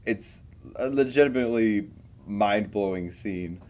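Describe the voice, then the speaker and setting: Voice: sits low, measured pace, darkish tone. A podcast co-host in casual chat about a movie, laughing often and acting out quotes.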